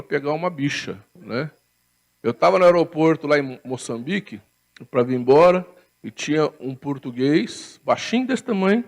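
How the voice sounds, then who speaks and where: A man's voice: a little high, creaky. A Brazilian man preaching a sermon as pastor in a church, chatty and storytelling, often asking for agreement and laughing at his own anecdotes. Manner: conversational preaching, frequent tag questions, laughs at own stories.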